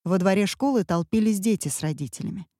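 A woman's voice: mid-range voice, quick pace, warm tone, no echo, clean studio sound. Wry woman narrating a story. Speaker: audiobook narrator.

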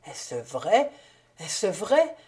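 A woman voicing a distraught, violent-tempered count in an audiobook, with a lower, bewildered, stammering delivery. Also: slow, warm tone. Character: distraught violent male count, middle-aged. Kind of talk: audiobook reading.

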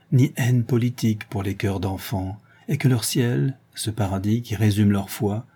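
A man from Alsace reads a literary tale aloud as an audiobook. His delivery is measured and expressive. The voice is dark and warm, with a slightly husky edge. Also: medium pitch. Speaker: reader.

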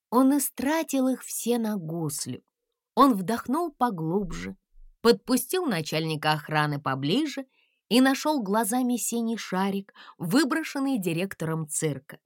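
A woman reading a children's storybook aloud in an expressive, measured way. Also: on the high side, dry recording, clean studio sound. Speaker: audiobook narrator. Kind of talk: scripted storybook narration.

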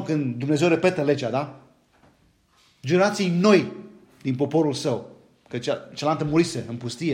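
A middle-aged man with a Romanian accent preaching a sermon in a lively way, often asking his listeners questions. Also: fairly high pitch. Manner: lively, asks the congregation questions, frequent "da?". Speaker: pastor.

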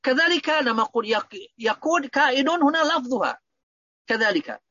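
A man's voice: extremely high pitch, sing-song, moderate pace, sharp tone, no echo. A man teaching Arabic grammar in an online lesson, quizzing his students with repeated questions. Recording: dull, dry lo-fi audio.

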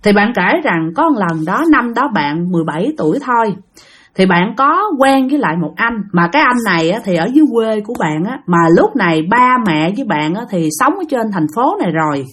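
A woman's voice: medium pitch, big pitch swings, fairly quick, a bit bright. A woman telling a ghost story, chatty and speaking straight to her listeners. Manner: chatty, addresses listeners directly.

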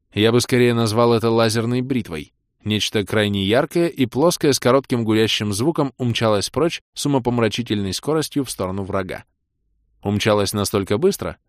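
A man narrating a fantasy novel in the first person, with wry, lively storytelling. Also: on the low side, no room sound, studio quality. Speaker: audiobook reader.

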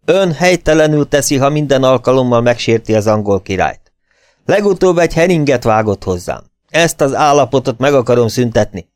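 A man's voice: no echo, studio quality, close to an everyday voice. A man voicing a stern young male officer, speaking in a commanding, urgent way. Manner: commanding, raised-pitch urgent delivery.

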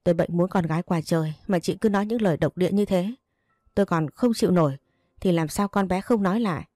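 A sick, frustrated ex-husband who lashes out angrily, read aloud by a woman storyteller. The voice stays low and dark. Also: fast talker, no echo, studio quality, close to an everyday voice. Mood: angry. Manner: angry, reproachful.

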